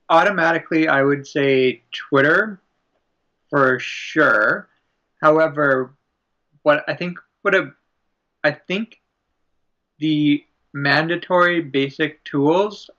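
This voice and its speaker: A man co-hosting a casual podcast, thoughtful and hesitant, pausing to find his words. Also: fairly high pitch, sharp tone. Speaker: podcast co-host. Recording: slightly muffled podcast audio.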